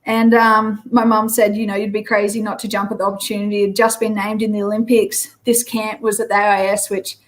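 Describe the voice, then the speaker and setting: An Australian woman in her thirties speaks as a podcast guest. Her pitch is mid-height and stays level, with little melody. She is relaxed and pauses on um as she thinks. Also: poor audio. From Queensland, Australia. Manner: relaxed, many fillers. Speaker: guest, former rugby player. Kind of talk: podcast interview.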